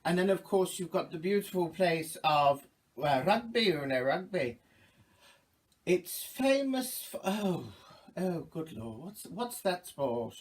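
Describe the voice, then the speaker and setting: A man's voice: on the high side, distant mic. A man performing as a campy drag queen, a boozy, bawdy grand dame with a theatrical, arch way of talking. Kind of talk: comic drag monologue to camera.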